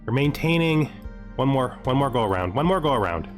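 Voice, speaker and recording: Here a male gaming host talks fairly quickly in an expressive, mid-range voice, with faint music playing behind him. His commentary is relaxed, full of self-directed questions and musing over which choice to make.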